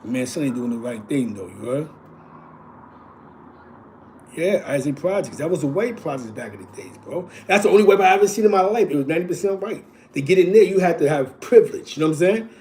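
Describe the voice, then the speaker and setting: New York man, 40s, host telling loose streetwise stories, somewhat high voice, slight background hum. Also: animated, a little fast, a little mellow. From East Harlem, New York. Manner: rambling, repeats himself, constant "you know what I'm saying". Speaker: show host. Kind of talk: casual streetwise storytelling.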